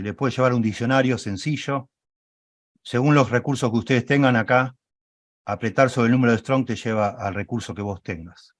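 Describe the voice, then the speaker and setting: A man's voice: medium pitch, no echo. Patient man teaching a class. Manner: patient and explanatory, often checking in with listeners and correcting himself. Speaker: Bible study instructor. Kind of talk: recorded online class with screen demonstration.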